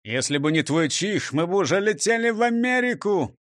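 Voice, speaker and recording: A man's voice: high voice, big pitch swings, normal speed, a bit bright, no room sound, clean studio sound. A man voicing a grumpy male gang boss in an audiobook story, with a scolding manner.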